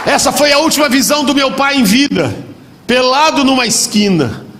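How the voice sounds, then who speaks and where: A man's voice: very high voice, lively intonation, moderate pace, crowd noise, background noise. A man preaching a dramatic testimony at a church convention, acting out the voices in his story. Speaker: pastor. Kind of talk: sermon testimony.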